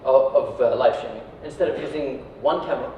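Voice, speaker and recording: The talk comes from an Iraqi company founder with a medium-pitched voice and a fairly quick delivery, addressing an audience conversationally and often checking in with "right" or "yeah." Because the mic is distant in an echoey indoor venue, the recording sounds dull, with faint noise.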